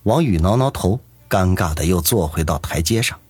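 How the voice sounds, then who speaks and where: A man narrating a serialized novel with expressive storytelling. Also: low-pitched, moderate pace, breathy edge, no echo, faint music behind. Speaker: audiobook narrator.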